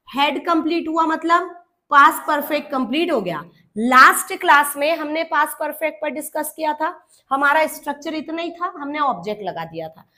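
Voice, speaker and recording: A woman's voice: high voice, a bit bright. A woman teaching English grammar to students. She calls them "beta" and acts out little dialogues between grammar words. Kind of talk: classroom lesson.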